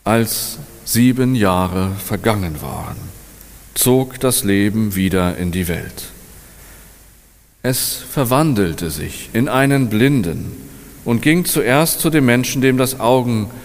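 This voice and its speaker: Slow low-voiced male storyteller. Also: expressive. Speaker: narrator. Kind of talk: read-aloud fairy tale narration. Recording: long hall reverb.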